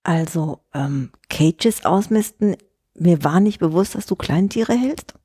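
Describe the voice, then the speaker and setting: Woman, lowish voice, warm husky tone, teasing co-host, dry close sound. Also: lively intonation, slow, no echo. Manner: teasing, playful interjections. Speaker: podcast co-host. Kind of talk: casual chat.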